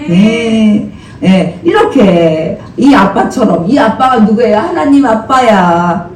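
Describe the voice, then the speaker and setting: A male senior pastor preaching a church sermon in an animated, conversational way, drawing replies from the congregation. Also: sits high, measured pace, a little hiss or hum. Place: church sanctuary. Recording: roomy sound from some distance with faint ambience.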